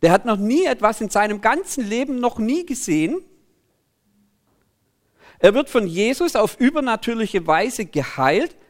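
Lively high-voiced male preacher. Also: measured pace. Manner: animated, conversational, frequent 'hey' interjections. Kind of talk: sermon.

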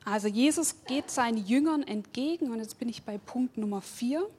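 A woman's voice: on the high side, moderate pace, a little mellow, slightly rough. A woman preaching a sermon, speaking emphatically, stacking repeated phrases and putting questions straight to her listeners. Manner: addresses listeners directly with questions.

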